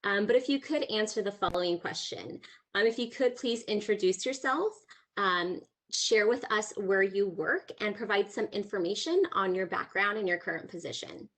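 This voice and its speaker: A woman's voice: mid-range voice, normal speed, fairly bright tone. A woman moderating an online career panel on a video call, organized with occasional fillers. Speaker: career services event moderator.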